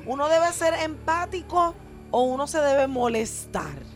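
A woman's voice: high-pitched, lively intonation, measured pace, soft background music. A woman co-hosting a radio talk show who keeps pressing her co-hosts with questions. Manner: probing, asks questions. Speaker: radio co-host. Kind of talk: casual radio banter.

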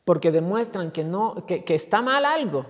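A woman's voice: on the low side, animated, moderate pace, highs cut off. A woman pastor delivering a sermon in a church, telling stories and often calling the congregation brothers. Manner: addresses listeners as brothers, storytelling, frequent restarts. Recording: reverberant church hall.

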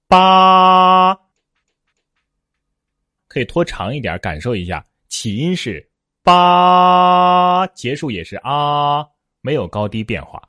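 Man teaching tones with swooping pitch. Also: husky, no room sound, studio quality. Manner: leads repeat-after-me drills, sings out tones. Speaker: Mandarin pronunciation teacher. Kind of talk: spoken lesson with demonstrations.

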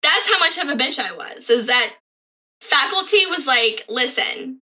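High, bright young American woman, slangy. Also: moderate pace. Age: young adult. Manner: profane, slangy, animated storytelling. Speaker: podcast host. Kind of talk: casual chat.

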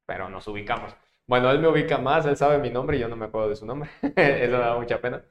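A young Mexican man hosts a casual podcast, drifting through long anecdotes peppered with street slang. His voice sits at an ordinary middle pitch. The room around him rings with a noticeable echo. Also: quick pace. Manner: slangy, rambling storyteller. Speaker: podcast host. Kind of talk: casual chat. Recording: echoey room.

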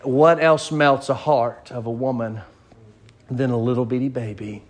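A man's voice: mid-range voice, fairly even intonation, unhurried. A male pastor preaching a sermon, telling a story vividly and asking rhetorical questions of the congregation. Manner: vivid storytelling, acts out voices.

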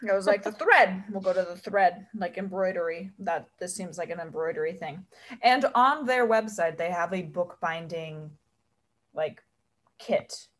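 A woman's voice: lowish voice, unhurried. A young woman co-hosting a podcast, chatting casually with sardonic, dramatic rants. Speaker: podcast co-host. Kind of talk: casual chat.

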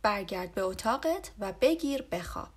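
A woman's voice: mid-range voice, animated, slightly rough. A woman doing a firm, tired turtle father. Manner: firm, insistent.

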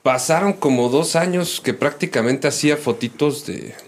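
A man's voice: a little high, moderate pace. Mexican man telling a story, slangy. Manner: relaxed storyteller, slangy, many fillers. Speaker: guest photographer telling his story. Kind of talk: casual podcast chat.

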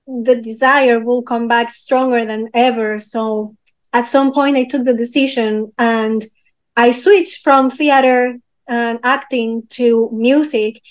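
Interviewed about her music, a young woman from Peru talks in a strikingly high voice and a relaxed way. She gropes for the right words, filling gaps and starting sentences over.

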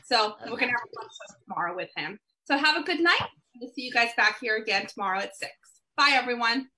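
A woman's voice: on the high side, lively intonation, quick pace, sharp tone, slight background noise, low-quality recording. A woman hosting a talk show, upbeat as she wraps up and announces the next show. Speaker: host. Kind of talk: show sign-off.

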